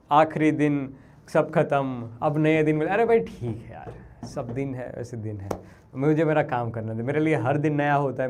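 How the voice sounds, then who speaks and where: Male physics tutor, young adult, fairly high voice, slow dictation of formulas, calls students kids. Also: slight background noise. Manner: talks to students as family, drops into soft apologetic tones; mixes Hindi with English formula terms, reads equations slowly. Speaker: physics teacher. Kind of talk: live online class.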